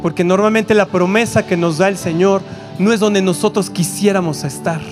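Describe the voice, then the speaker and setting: A man with a Mexican accent preaching a sermon in a church auditorium, lively and full of rhetorical questions and asides to the congregation. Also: high-pitched, soft background music. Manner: animated, rhetorical questions, quick asides to the crowd.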